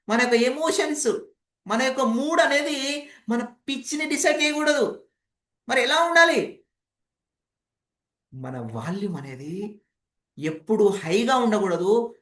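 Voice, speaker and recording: Woman voice trainer, mid-pitched, demonstrative lecture delivery with rhetorical questions, echoey room. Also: fairly bright tone. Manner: demonstrative, shifts volume and pace on purpose to illustrate points; asks the audience rhetorical questions. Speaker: voice modulation trainer. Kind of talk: online training session lecture.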